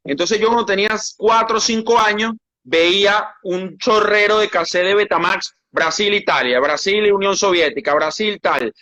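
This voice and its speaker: His voice sits high and moves at a normal speed with few pauses, though the recording cuts off the highs. He's a Venezuelan-accented sports journalist recounting stories in a relaxed interview, animated and full of frequent restarts.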